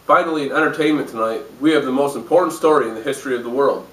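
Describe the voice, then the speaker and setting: A roomy, distant recording of a man acting as a jaded parody news anchor. He is hungover and sardonic, reading the news deadpan in a mid-pitched voice. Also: rapid-fire, lightly acted. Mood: mock-sincere, sardonic. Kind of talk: parody newscast. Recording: roomy echo, distant microphone.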